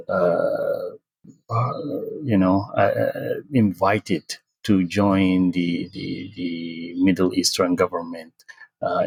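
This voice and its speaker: A middle-aged man, born in Sudan and raised in the US, answering interview questions slowly and hesitantly, with many pauses. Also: deep voice, husky, no echo. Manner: hesitant, many fillers and restarts, slow pace. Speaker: interview guest, tech consultant.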